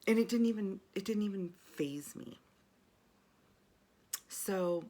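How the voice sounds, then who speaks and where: A middle-aged woman with a low, gravelly voice talks straight to camera in her personal video diary. She speaks candidly and from the heart, often breaking off and restarting her sentences. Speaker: video journal host.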